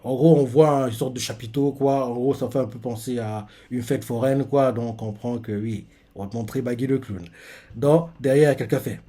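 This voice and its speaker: A man's voice: medium pitch, steady tone, moderate pace, dark tone. A man casually reading a manga chapter aloud and commenting, with lots of fillers. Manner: lots of fillers, laughs as he reacts. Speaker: manga reaction youtuber.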